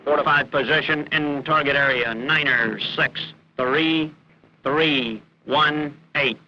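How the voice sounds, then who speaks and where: A man's voice: on the high side, fairly even intonation, slow pace, bright, forceful tone, exaggerated voice. Guy as young marine radio man, clipped businesslike callouts on field radio, dull old recording, noisy. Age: young adult. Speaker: marine forward air controller on radio. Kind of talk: clipped military radio procedure talk. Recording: dull vintage film, noisy radio and vehicle.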